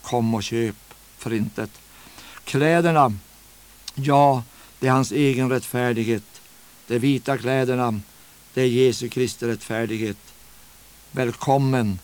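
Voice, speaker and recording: An earnest male preacher delivering a sermon at a middle pitch. He presses his listeners with direct rhetorical questions and slows down to stretch the words he wants to stress. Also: fairly even intonation, a little mellow, clear, resonant tone.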